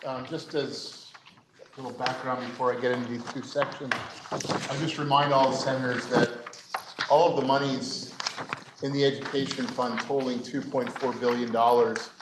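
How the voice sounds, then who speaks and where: Man giving a measured committee report. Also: mid-range voice, level tone. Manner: measured, explanatory, with fillers. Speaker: state senator reporting for a committee. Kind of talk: formal floor report. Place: legislative chamber. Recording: echoey chamber, noisy.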